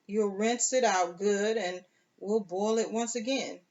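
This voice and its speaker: Reader putting on a gruff cynical pirate captain, slow and blunt, dull lo-fi sound. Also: medium pitch, steady tone, darkish tone, natural voice.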